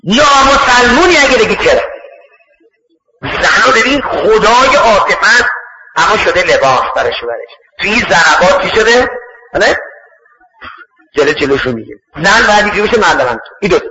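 A man preaching a sermon through stories, in an animated way, acting out the voices of the people in them. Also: high voice, noisy background. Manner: animated, acts out voices in the story. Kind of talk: storytelling sermon. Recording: echoey, dull lo-fi recording.

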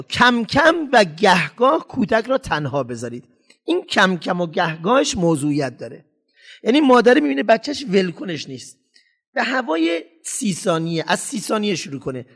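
A man's voice: sits high, big pitch swings, fairly bright tone. A man giving a parenting lecture to an audience, emphatic and acting out parents and children as he speaks.

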